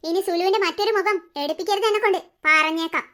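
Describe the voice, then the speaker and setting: A fiery middle-aged cartoon wife and mother, voiced by a woman, sharp and confrontational. Her voice is very high and bright, and she talks quickly. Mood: furious. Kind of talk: cartoon dubbing.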